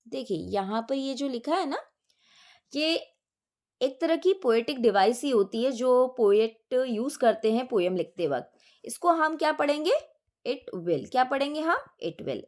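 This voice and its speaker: A woman teacher with an Indian accent, reading poem extracts for an exam-prep lesson and explaining them, asking the class questions and answering them herself. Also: on the high side. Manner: asks questions and answers them herself, repeats key words.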